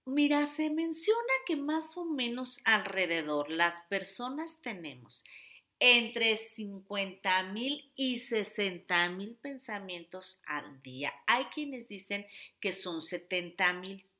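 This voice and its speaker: A woman's voice: medium pitch, lively intonation, slow, bright, forceful tone. A woman self-help coach giving a motivational teaching talk, speaking expressively and straight to the listener.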